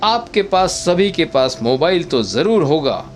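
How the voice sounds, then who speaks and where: A man giving viewers step-by-step acting advice in an unhurried, instructive way, often calling them friends. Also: a little high, very animated, faint music behind. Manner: demonstrates dialect voices in short quotes. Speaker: travel vlogger giving acting tips.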